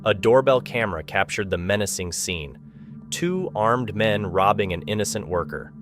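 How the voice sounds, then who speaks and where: A man's voice: fairly low pitch, lively intonation, moderate pace, over music. A man reading a dramatic scripted narration for a video as its narrator.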